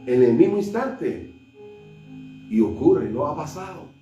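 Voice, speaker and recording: Chilean pastor preaching in an echoey church. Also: male voice, fairly high pitch, big pitch swings, measured pace, lo-fi sound, faint music behind. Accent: Chilean Spanish. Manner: retells scripture with acted dialogue, shifts between loud and hushed. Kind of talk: sermon. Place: church sanctuary. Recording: echoey church from far off, faint noise.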